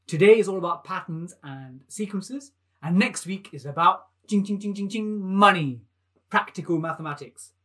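A man in his thirties leads a live maths lesson for young children. He talks with bright enthusiasm, coaxing the kids to clap and jump along. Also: high-pitched, moderate pace. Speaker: maths teacher hosting a live online lesson.

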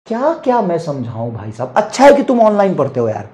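A man's voice: on the high side, huge pitch swings, fast talker, dark tone. A man teaching physics in an online lecture, teasing students with mocking, sarcastic remarks.

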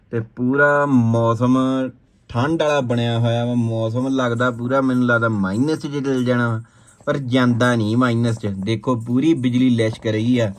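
A man with an Indian Punjabi accent giving casual travel vlog narration, greeting and chatting to viewers. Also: medium pitch. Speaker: travel vlogger. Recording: faint background ambience.

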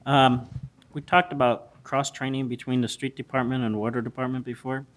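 A man's voice: mid-range voice, flat delivery, moderate pace. A man speaking as an alderman in council debate, asking questions somewhat away from the microphone.

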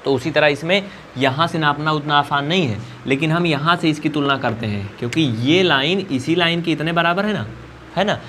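A man's voice: fairly high pitch, fairly quick, bright, forceful tone, a little hiss or hum. A male math teacher from India explaining coordinates at a whiteboard in a colloquial, coaxing way, asking questions and answering them himself.

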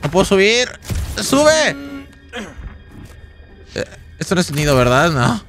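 A man's voice: fairly high pitch, sing-song, fairly quick, fairly bright tone, faint music behind. A man with a Mexican accent giving casual, chatty live gameplay commentary as a streamer, thinking aloud and talking to his viewers. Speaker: game streamer.

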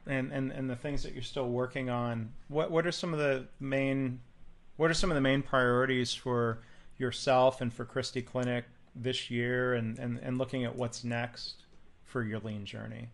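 Male podcast host, gravelly voice, stammers through restarts. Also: medium pitch, fairly even intonation, moderate pace. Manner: stammering restarts, repeats words. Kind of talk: interviewer asking questions.

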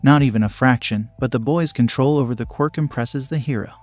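A man narrating a fan fiction story in an even, steady storytelling voice. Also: medium pitch, fairly quick, no echo, faint music behind.

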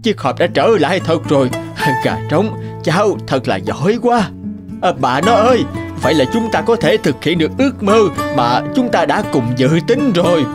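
Guy doing a kindly old farmer, high-ish lively voice, music playing behind. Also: moderate pace.

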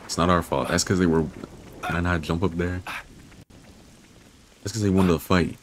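A man's voice: sits low, steady tone, moderate pace, slight background noise. A young man casually commentating a video game playthrough, rambling to himself and swearing freely. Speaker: gaming video creator. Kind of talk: casual let's-play commentary.

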